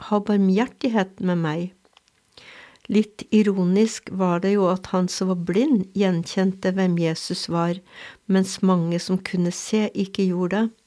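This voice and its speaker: Woman preaching slow and earnest, mellow dark tone. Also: mid-range voice. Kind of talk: gospel reading and sermon.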